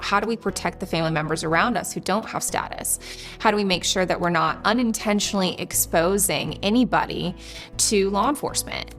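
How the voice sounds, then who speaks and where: A woman speaking in an articulate, measured way in a documentary interview. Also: lowish voice, fairly bright tone.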